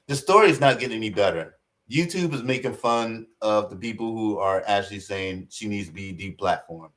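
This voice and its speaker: Rambling man with a lowish voice. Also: fairly quick, a bit bright. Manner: rambling, with frequent fillers and restarts. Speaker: online commentator. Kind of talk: casual commentary.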